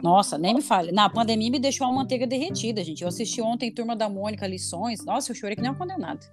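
A woman in her thirties hosting a casual podcast chat, expressive and jokey, swearing frankly. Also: a little high, racing, over music. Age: 30s. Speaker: podcast host.

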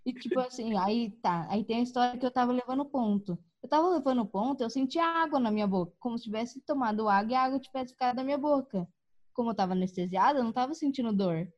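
A woman with a high voice tells a personal story in a relaxed chat. She is animated, laughs often and acts out the voices of the people in it. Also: quick pace, dull audio. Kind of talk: casual storytelling.

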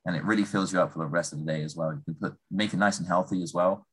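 A young man from England with a very low voice talks in a relaxed, rambling way. His tone has a husky edge, and he pads his answers with easy fillers. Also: racing, rough recording. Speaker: conversation partner. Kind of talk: casual chat.

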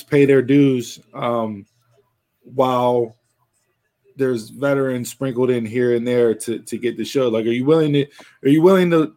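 Man, podcast host, rambling, casual wrestling chat, mid pitch. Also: warm tone. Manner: rambling, restarts often.

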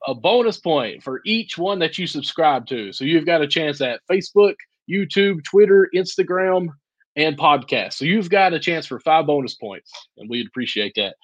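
A man's voice: fairly high pitch, animated, normal speed, dry recording, low-quality recording. A man co-hosting a casual podcast, making upbeat, joking plugs for the show. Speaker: podcast co-host.

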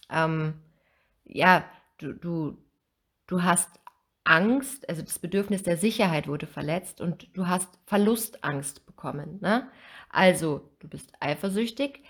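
A woman giving a motivational self-help talk, speaking directly to the listener in an encouraging way. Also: on the low side. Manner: encouraging, talks straight to the listener.

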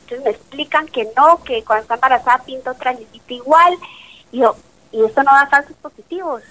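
A woman's voice: high voice, a little fast, low-quality recording. A woman in her late thirties, a doctor, giving an emotional faith testimony in an interview and acting out the dialogue as she tells it. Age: 30s. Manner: animated storyteller, acts out dialogue, speaks of faith.

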